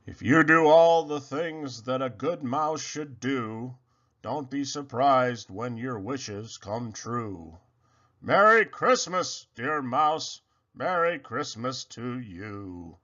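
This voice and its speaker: A man's voice: expressive, slow, sharp tone, highs cut off. A man voicing a kindly, jolly old Santa with a wise voice in a storybook reading. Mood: kind, reassuring. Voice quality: deep, wise voice. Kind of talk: storybook character voice.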